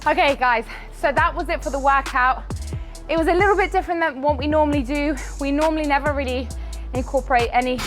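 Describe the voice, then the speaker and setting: A woman's voice: high-pitched, fast talker, a bit bright, faint music behind. A woman fitness coach explaining a gym workout in a casual, upbeat way, out of breath, sometimes swearing. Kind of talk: workout vlog instruction.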